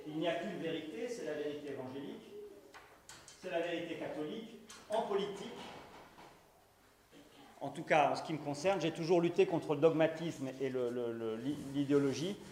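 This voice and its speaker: A man with a slightly high, somewhat mellow voice gives a conference talk as a lecturer, hesitating with frequent restarts and fillers. He stresses key words emphatically, his pitch rising on them. The hall is echoey, with slight background noise.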